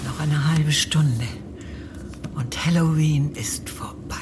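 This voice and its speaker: A woman's voice: deep voice, fairly even intonation, slow, noisy background. An actress playing a frightened, overly dramatic young woman in a horror radio play, with music behind her. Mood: fearful. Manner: fearful, dramatic, pleading.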